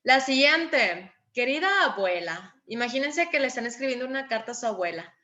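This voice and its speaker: A woman teacher giving a class, patient and encouraging, calling on pupils and reading examples with clear intonation. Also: high voice, lively intonation, a little fast, pushed and bright, dull audio. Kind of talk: online class lesson.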